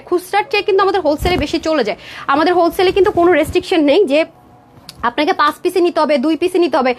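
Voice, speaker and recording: A woman from Bangladesh hosting a live online sale, talking viewers through dresses in a quick, persuasive patter. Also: very high-pitched. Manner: rapid persuasive patter, addresses viewers as sister, mixes English words. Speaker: online clothing seller on a live stream. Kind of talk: live sales pitch. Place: indoor room with a door, modeling a dress.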